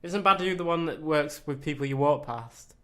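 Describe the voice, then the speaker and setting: A man's voice: on the high side, moderate pace, fairly bright tone. A man co-hosting a casual chat podcast, teasing his friend in a dry way. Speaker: podcast co-host.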